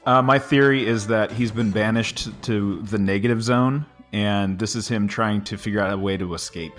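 A man on a TV podcast who explains his theories at length, stopping often on ums and uhs. His voice is fairly low, with faint music behind. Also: moderate pace, a bit bright. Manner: hesitant, lots of ums, explanatory. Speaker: podcast co-host. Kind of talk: casual chat.

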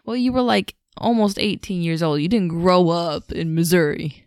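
A woman co-hosting a casual chat, relaxed and quick to agree and chime in. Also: lowish voice, clean tone, no echo, studio quality.

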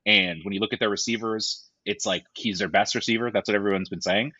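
A man co-hosting a sports podcast, talking in a profane, jokey, animated way. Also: lowish voice, fast talker, dry recording, highs cut off. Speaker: podcast co-host. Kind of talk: casual sports chat.

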